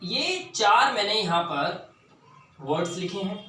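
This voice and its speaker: A man with a high, bright voice teaches grammar in a classroom style, asking questions and repeating words slowly for emphasis. He sounds far from the mic in a very echoey room, with a faint hiss underneath. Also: lively intonation.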